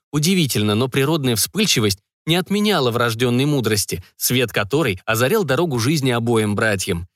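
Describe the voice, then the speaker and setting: A man giving measured, deliberate scripted narration of an audiobook. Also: mid-range voice, a bit bright, no echo, clean studio sound.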